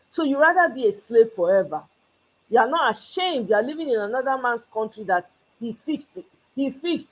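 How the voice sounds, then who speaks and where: On poor audio, a husky, medium-pitched female voice offers impassioned political commentary on her own channel. She is Nigerian, based abroad, and blends Pidgin with English as she talks alone.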